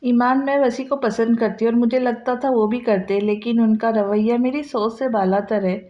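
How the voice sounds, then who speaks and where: A playful young woman, voiced by a female narrator talks in a teasing way. Her voice sits a little high. The recording is dull and lo-fi. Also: steady tone, normal speed, close to an everyday voice. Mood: worried.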